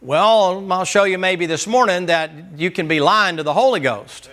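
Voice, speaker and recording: A man's voice: high voice, moderate pace, a bit bright. A man preaching a Sunday school sermon in a folksy, joking and emphatic way.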